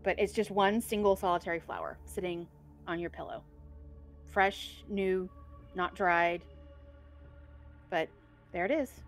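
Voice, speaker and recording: A woman's voice: on the low side, measured pace, pauses often, soft background music. A woman narrating a tabletop game as game master, in a loose, rambling way with frequent restarts.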